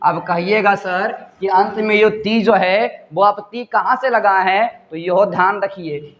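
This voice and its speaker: A man teaches a Sanskrit lesson at an unhurried pace. His voice sits fairly high, and he keeps quizzing the class and answering for them. The recording sounds dull and lo-fi. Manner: repeats each point as a question and answers it.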